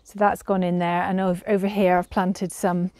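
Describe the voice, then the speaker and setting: A woman in her thirties walks outdoors, casually touring her home garden and greenhouse on a camera mic. Her voice sits fairly low with a flat, slightly mellow delivery at normal speed and no echo. She is chatty and hesitant, with plenty of fillers.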